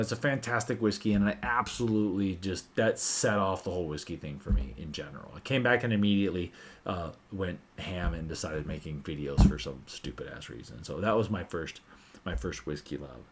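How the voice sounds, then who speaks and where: A man hosting a casual whiskey livestream, animated and swearing freely as he tells stories. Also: low voice, fairly quick.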